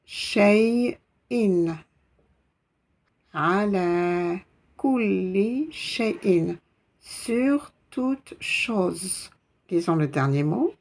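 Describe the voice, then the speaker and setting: A woman's voice: mid-range voice, gravelly, a little mellow, slightly rough. A woman teaching an Arabic reading lesson step by step, patiently spelling out letters and repeating sounds.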